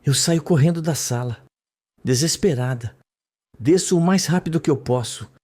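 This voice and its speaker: A man's voice: a little high, normal speed, a little mellow, natural voice. A man reading the lines of a frightened young woman recalling a scene under hypnosis, in a dreamy, trembling way, for a soap opera recap. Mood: tense. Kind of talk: read-aloud soap recap.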